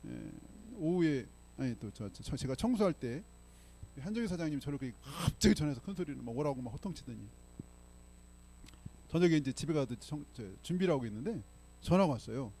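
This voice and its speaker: Gravelly, husky yet mellow, this older pastor's fairly high voice swings widely in pitch as he moves along a little fast. He tells stories conversationally in a church sanctuary, repeatedly checking in with the congregation by saying "예?"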